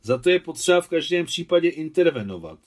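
A man's voice: on the low side, expressive. A man reading a novel aloud, voicing a resolute man who speaks firmly and emphatically.

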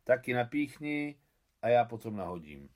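A man's voice: mid-range voice, big pitch swings, darkish tone, natural voice. A man reading aloud, voicing an old male fisherman who patiently teaches a group of boys to fish.

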